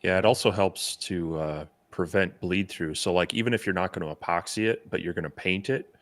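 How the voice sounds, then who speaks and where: Very low-voiced man explaining things. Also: a little fast, a bit bright. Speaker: co-host. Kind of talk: casual live-stream chat.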